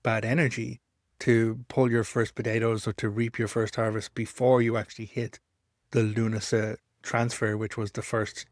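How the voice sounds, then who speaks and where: A man's voice: medium pitch, no echo, clean studio sound. An Irish man giving an informal explanatory talk in a conversational storytelling manner, repeating words for emphasis. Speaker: storyteller and pagan teacher.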